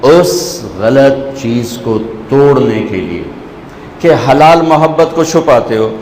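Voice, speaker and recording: Male preacher, storyteller who recites Arabic verse and shifts between hushed and raised delivery; long hall reverb. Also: mid-range voice, animated. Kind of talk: sermon. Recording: echoey hall with faint background noise.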